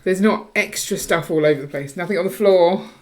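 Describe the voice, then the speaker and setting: Chatty British woman podcast host. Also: on the low side. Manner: chatty, teasing, talks in quick restarts. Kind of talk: casual chat.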